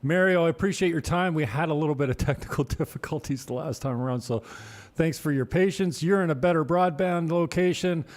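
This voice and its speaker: A man's voice: a little high, a little fast, darkish tone. A man hosting an interview, chatting loosely and joking with his guest. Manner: joking, rambling. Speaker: host. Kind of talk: casual interview chat.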